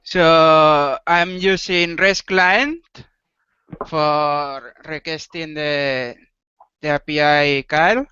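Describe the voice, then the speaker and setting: A man on a video call, calmly walking others through a code demo with pauses and small fillers. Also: a little high, clear, resonant tone, dry recording. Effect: heard over a video call. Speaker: developer presenting a demo. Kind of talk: casual technical walkthrough. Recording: dull, lo-fi video call audio.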